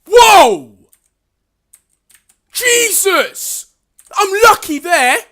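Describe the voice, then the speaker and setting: A woman giving excitable, loud gameplay commentary, shouting and swearing at a hard game. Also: high voice, measured pace. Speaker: gamer.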